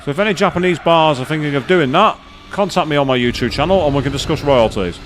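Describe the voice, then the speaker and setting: A man's voice: fairly high pitch, animated, quick pace, a little hiss or hum. A man chatting casually on a live gaming stream, rambling with many fillers and restarts as he explains things to viewers.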